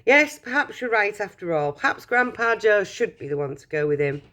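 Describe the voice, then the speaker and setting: A woman reading a children's storybook aloud, voicing a calm, caring mother who speaks gently. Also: medium pitch, normal speed, pitched above the performer's own voice. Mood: cheerful.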